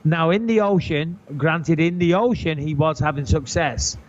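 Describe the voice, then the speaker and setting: A man's voice: fairly high pitch, moderate pace. A middle-aged English man with an English accent, chatting casually as a podcast host, joking and swearing. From England. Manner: joking, swearing, restarts sentences. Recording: dull lo-fi audio.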